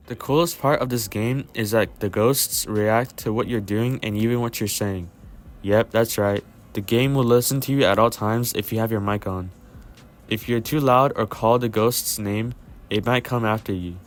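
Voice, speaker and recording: A man hosting a video game review, reading scripted narration in the manner of an online reviewer. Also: mid-range voice.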